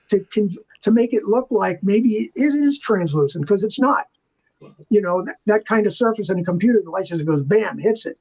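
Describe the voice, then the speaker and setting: An older man, a veteran visual effects artist appearing as an interview guest, speaks in a high, somewhat dark voice on a low-quality recording. He tells casual anecdotes in colloquial language, acting out the dialogue as he goes.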